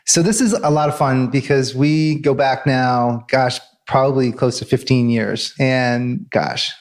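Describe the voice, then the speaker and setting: A man's voice: mid-range voice, measured pace. A man hosting a podcast, interviewing a guest in a casual, chatty way. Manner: friendly, chatty, laughs often. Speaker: podcast host.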